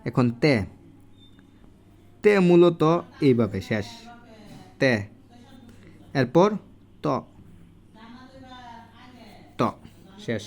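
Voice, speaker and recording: A man giving a casual handwriting lesson at home, recorded on a phone, slowly repeating each syllable as he writes. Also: mid-range voice, animated, darkish tone. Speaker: language teacher. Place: home room.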